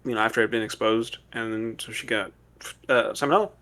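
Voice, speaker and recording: A man co-hosting a casual podcast, telling stories in a relaxed way with fillers like "um" and "like". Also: lowish voice, fast talker. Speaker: podcast co-host. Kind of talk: casual chat.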